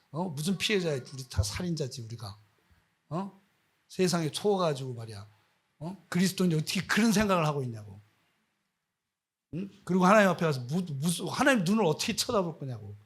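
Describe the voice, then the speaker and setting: High, fiery male preacher. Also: very animated, brisk, husky. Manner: impassioned, scolding, full of rhetorical questions. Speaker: missionary preacher. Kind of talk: sermon.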